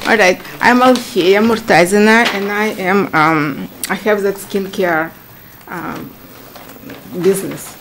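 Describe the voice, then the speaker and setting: A middle-aged woman with a Ukrainian accent speaks at a town meeting microphone. She talks in a chatty, halting way, with plenty of fillers and easy laughter, over a faint background hiss. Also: medium pitch, a bit bright. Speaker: applicant at a public hearing. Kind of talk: informal testimony at a town meeting. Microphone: standing microphone.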